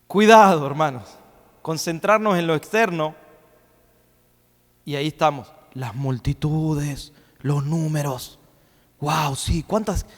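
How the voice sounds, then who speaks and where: A man preaching a sermon as pastor, swinging between loud, rising questions and quick asides. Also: a little high. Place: church hall. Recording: long reverb of a church hall.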